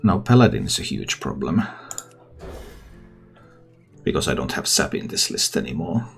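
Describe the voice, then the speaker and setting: A man's voice: extremely low pitch, sing-song, moderate pace, creaky, slightly rough. A man who hosts gaming videos, giving casual game commentary and thinking aloud. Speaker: gaming content creator and host. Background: background music.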